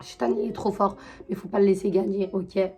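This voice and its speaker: A young woman telling a personal story to her viewers in a chatty, animated way, full of slang and fillers, with a high voice. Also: fairly quick, soft background music. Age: young adult. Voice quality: high-pitched. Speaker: vlogger. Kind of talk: casual storytelling to camera.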